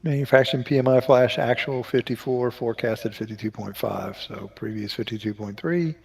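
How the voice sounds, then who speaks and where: A man's voice: mid-range voice, normal speed, gravelly, a little mellow, breathy edge. A man co-hosting a live trading stream, chatting casually with wry, joking banter. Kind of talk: casual chat while trading.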